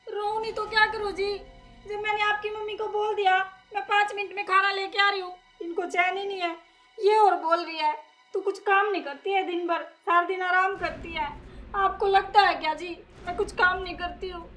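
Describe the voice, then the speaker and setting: A woman's voice: extremely high pitch, steady tone, moderate pace, pushed and bright, soft background music. A woman acting a scheming young daughter-in-law in a family drama skit, talking in a curt, dismissive, scolding way. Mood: aggrieved.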